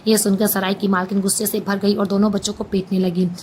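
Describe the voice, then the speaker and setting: A woman narrating a devotional folk tale in a steady, measured way. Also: medium pitch, a little hiss or hum, poor audio. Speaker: storyteller.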